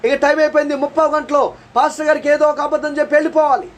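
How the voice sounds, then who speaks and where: A man's voice: extremely high pitch, fairly even intonation, rapid-fire. A man preaching a testimony sermon, telling his story dramatically with repeated phrases and earnest, pleading prayers. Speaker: preacher giving a personal testimony.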